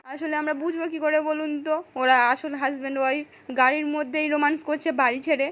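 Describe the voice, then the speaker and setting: Blustering, confused male cop from a TV serial, blunt and scolding, high-voiced, as a woman reads him. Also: flat delivery, fast talker, fairly bright tone.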